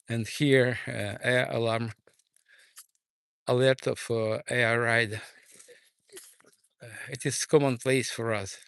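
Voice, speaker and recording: A man from eastern Ukraine with a Ukrainian accent, giving a livestreamed walking tour of city streets and filling his pauses with many "uh"s. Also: medium pitch, creaky, no echo. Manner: hesitant, many filler sounds. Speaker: streamer.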